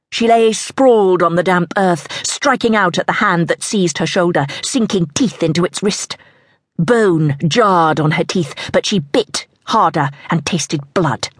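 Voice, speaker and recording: A woman narrating an audiobook in a tense, measured storytelling manner. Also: fairly low pitch, husky, dry recording, studio quality.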